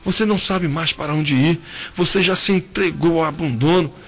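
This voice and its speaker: A man's voice: a little high, moderate pace, faint music behind. A man preaching an emotional, pleading sermon.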